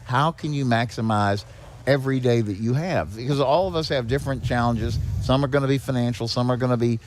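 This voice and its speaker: A podcast guest who is executive director of a seniors nonprofit explains things in a brisk, mid-range voice, with a little hiss or hum on the recording. His manner is conversational, peppered with rhetorical questions and frequent check-ins.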